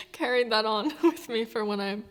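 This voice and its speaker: Slightly high, expressive and a bit slow, her voice carries the reflections of a violinist in her twenties. Born in New Zealand and raised in the United States, she laughs a lot in this documentary interview.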